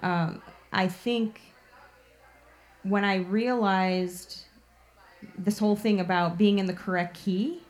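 Speaking slowly with frequent pauses, this woman has a medium-pitched, steady voice. She's a blues guitarist and singer from Chicago, USA, in a casual interview chat, sprinkling "like" and "you know" throughout.

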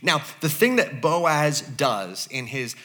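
A man preaching a sermon as pastor, joking and conversational, with many asides and quick shifts into playful quoted voices. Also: a little high, expressive, pushed and bright. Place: church.

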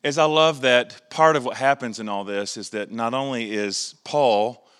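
A man delivers a sermon in a mid-range voice, earnest and reflective. He thinks aloud, restarting phrases, and now and then mimics the voices of others in quick asides. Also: mid-range voice, a bit bright, clear, resonant tone. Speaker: pastor.

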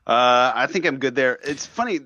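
A man's voice: medium pitch, animated, moderate pace, sharp tone, dry recording, lo-fi sound. A man in a casual podcast discussion. He talks in a thoughtful, hedging way and fills his speech with "like.".

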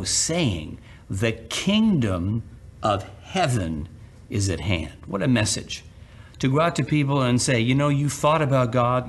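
A man preaching a sermon as a pastor, speaking with emphatic phrasing, dramatic pauses and acted-out quotations. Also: mid-range voice.

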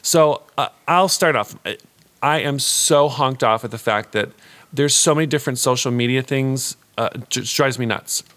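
A man's voice: medium pitch, moderate pace, fairly bright tone. A man speaking as a campy, theatrical drag queen co-host in a casual comedic podcast chat. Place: recording studio.

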